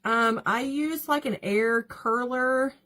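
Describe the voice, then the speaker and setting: A woman's voice: on the high side, takes it slowly, fairly bright tone. A woman hosts a makeup livestream. She talks in a loose, rambling way, full of "like" and small laughs, and answers viewers between steps. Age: 30s. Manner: chatty, rambling, laughs often, reads out viewer comments. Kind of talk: casual livestream chat while doing makeup.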